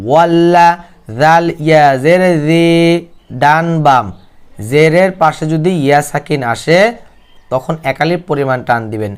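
A Bengali-speaking man teaching Quran reading, spelling each letter and vowel aloud, then chanting the verses slowly for learners to repeat. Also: a little high, clear, resonant tone. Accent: Bangladeshi Bengali. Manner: slow drawn-out chanting of Arabic verses, then brisk spoken explanations.

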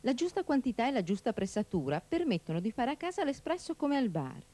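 A woman's voice: fairly high pitch, sing-song, brisk, dark tone. A woman reading a scripted telesales voice-over, presenting in a persuasive, emphatic way with rhetorical questions. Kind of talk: scripted infomercial voice-over narration.

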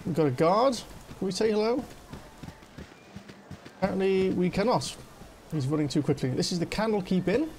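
A man's voice: high-pitched, lively intonation, moderate pace, long pauses, a little mellow. A man hosting a let's play, chatting casually as he plays and reads dialogue aloud. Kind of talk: casual game commentary.

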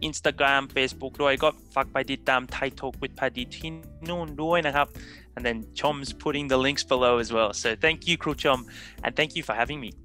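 A young man with an Australian accent, a native English speaker, chatting casually and haltingly on a headset during a video call. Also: mid-range voice, pushed and bright. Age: young adult. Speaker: interview guest, YouTuber. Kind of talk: casual chat.

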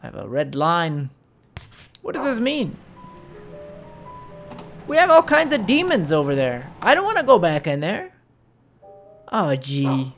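Excitable woman yelling through gameplay. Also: lowish voice, a little slow, long pauses, soft background music. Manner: swears and shouts at enemies; talks to the dog companion. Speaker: let's play gamer. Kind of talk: gameplay commentary.

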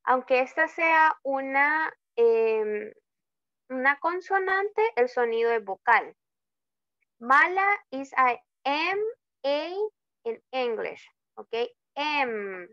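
Patient teacher type, woman, slow and clear, keeps checking in with students, muffled video-call sound. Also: high-pitched, lively intonation, no echo. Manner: slow, drawn-out example words, frequent checking "¿ok?". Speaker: English tutor. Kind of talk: online class explaining grammar in Spanish.

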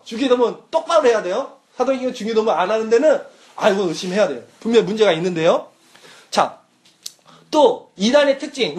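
Lively high-voiced young man preaching to youth. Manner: casual teaching, asks listeners questions. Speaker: youth pastor. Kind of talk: youth sermon.

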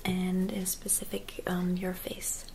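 A woman in her twenties doing a whispered role-play as a spa attendant, speaking softly and gently in an attentive, whispery voice. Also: fairly low pitch, completely flat delivery, takes it slowly, gravelly, slight background noise. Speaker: ASMR performer playing a spa clinic receptionist and therapist. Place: small dim room at home.

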